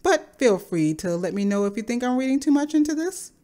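A woman giving a scripted, explanatory narration in a measured, speculative manner. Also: a little high, expressive, mellow. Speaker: video creator narrating a game theory.

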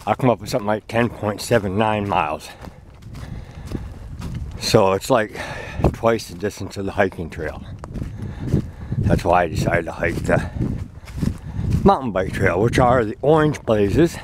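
A man talking casually while walking a woodland trail, filming from behind a handheld camera, relaxed and chatty with fillers. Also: on the low side, measured pace, long pauses, noisy background. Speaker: hiker filming a trail walk. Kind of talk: casual vlog narration. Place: outdoors on a leafy woodland trail. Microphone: handheld camera, speaker behind it.

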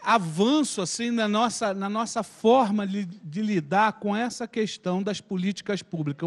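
A man in his fifties, a public health professor, introducing himself at a meeting with a handheld microphone, halting and restarting his words. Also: high voice. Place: large meeting room.

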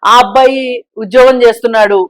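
A woman guest on a talk show, giving her opinions forcefully and pressing her point with rhetorical questions. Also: fairly high pitch, fairly even intonation, fast, dry recording. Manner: emphatic, argues with rhetorical questions. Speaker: social commentator guest.

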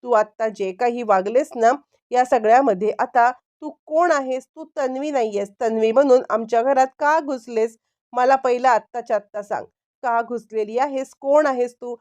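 A woman's voice: a little high, normal speed, darkish tone, muffled recording, lightly acted. A woman voicing an angry young husband who confronts his wife, in a storybook recap.

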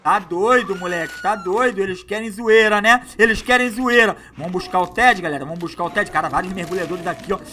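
Hyped gamer dude, high bright voice, slangy play-by-play, faint game noise. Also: male voice, fairly quick, few pauses. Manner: excitable, slangy, hypes up viewers. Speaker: gaming youtuber. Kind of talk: live gameplay commentary.

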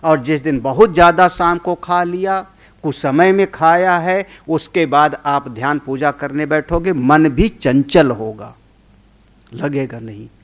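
Slow, fairly high-voiced male preacher. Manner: conversational, often checking with listeners; tells homely stories. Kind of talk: sermon on scripture.

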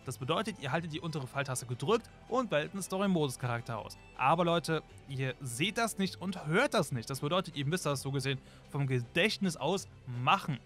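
Narrating a game tutorial with faint music behind him, a young male gaming YouTuber chats away to his viewers nonstop. His voice is on the high side, animated and a bit bright, and he talks fairly quickly with hardly any pauses.

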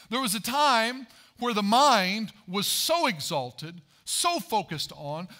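A pastor in his forties preaches a sermon from a large church stage in a high, bright voice. He builds with rising emphasis and puts questions to the audience, picked up by a headset mic.

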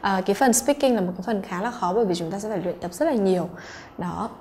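A woman's voice: mid-range voice, fast talker, mellow, a little hiss or hum. A woman English teacher, patiently going through exam answers and checking in with her students.

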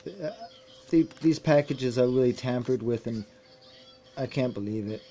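A man's voice: medium pitch, measured pace, dark tone, a little hiss or hum. Agitated man ranting while opening card packs. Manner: agitated, indignant, repeats himself. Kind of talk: casual unboxing vlog.

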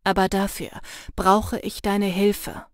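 A woman voices a protective, intense young male shapeshifter for an audiobook, lightly acted with little pitch movement and a slow pace. The character sounds low, earnest and urging, turning soft when teasing, and the studio recording has no echo.

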